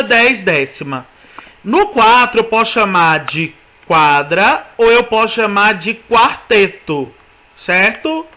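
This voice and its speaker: Male teacher, Brazilian accent, bright and sharp tone, patient step-by-step explainer. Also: high voice. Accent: Brazilian Portuguese. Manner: explanatory, repeats "certo?" to check understanding. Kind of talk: classroom lesson on poetry.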